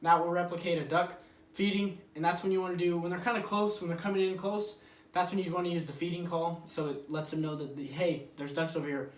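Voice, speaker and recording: Relaxed man explaining from across a roomy space. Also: sits high, fast. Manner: loose and chatty, leans on "like" and "literally". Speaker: host of a duck hunting channel. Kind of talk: casual how-to demonstration. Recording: roomy sound from a distant mic with faint background noise.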